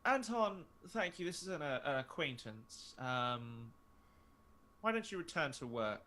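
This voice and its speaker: Formal, smooth-talking lady moneylender, voiced by a male player; bright tone. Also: medium pitch, big pitch swings, unhurried. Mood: courteous. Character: poised woman moneylender, adult.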